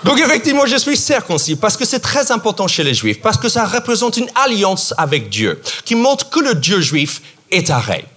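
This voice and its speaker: A man from New York doing a stand-up comedy set in French with an American accent, animated and mock-outraged, with sudden shouts and sing-song asides. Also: sits high, moderate pace, hardly any pauses. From New York, USA. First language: English. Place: theater stage.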